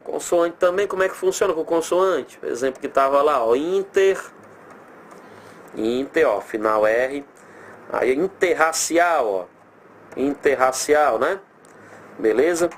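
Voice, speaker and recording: A man with a Brazilian accent teaching a recorded grammar lesson, animated, drawing out example words slowly and asking himself rhetorical questions. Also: mid-range voice, a little hiss or hum.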